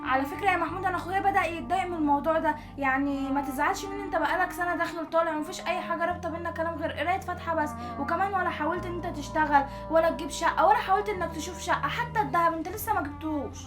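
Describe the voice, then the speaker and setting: A polite young Egyptian fiancée, played by a woman. Her voice is very high and she speaks quickly and courteously. Faint music plays behind her. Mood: doubtful. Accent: Egyptian Arabic.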